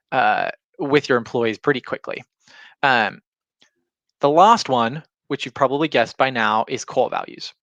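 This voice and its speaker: A man's mid-range, slightly bright voice carries an informal explanatory talk from a business trainer. He speaks conversationally and uses imagined quotes as illustrations, with no room sound and an alarm going off behind him.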